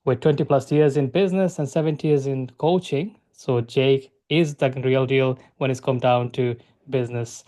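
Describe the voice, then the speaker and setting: A man's voice: medium pitch, warm tone. A man hosting an interview podcast, talking eagerly with loose grammar and frequent "like". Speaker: podcast host.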